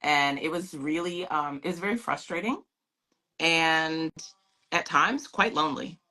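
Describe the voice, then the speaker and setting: Speaking low and at a measured pace, a woman guest who holds a pageant title recounts her story over a video call, earnest, emphatic and reflective. Her tone is sharp, and the recording is rough.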